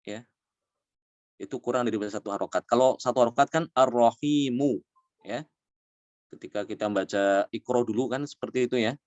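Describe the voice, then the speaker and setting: A man teaching the rules of Quran recitation, explaining patiently and slowing down to demonstrate words. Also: mid-range voice, darkish tone, no echo, dull audio. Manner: explains patiently, often adding "ya". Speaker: tajwid teacher.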